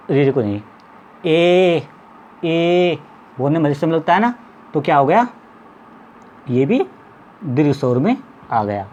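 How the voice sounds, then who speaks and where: Guy teaching a class, slightly high voice, stretches vowels, coughs now and then, faint hiss behind. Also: very animated, a little mellow. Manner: drawn-out vowel demonstrations, repeats "ठीक है". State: occasional coughing. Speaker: Hindi teacher. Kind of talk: explaining a lesson to students. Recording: slightly dull lo-fi audio with faint background noise.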